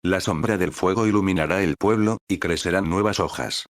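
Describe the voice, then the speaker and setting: A man voicing an aging male village leader, wise and content, with a measured, grave delivery. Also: sits low, dry recording, clean studio sound. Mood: solemn.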